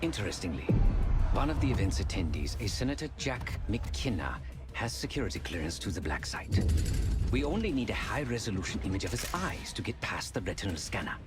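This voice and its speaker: A man acting a dry, brainy tech expert in a video game cutscene, measured and wry in delivery. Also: fairly low pitch, very animated. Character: dry, brainy male tech expert laying out a heist plan. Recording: loud music bed under voice. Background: loud music.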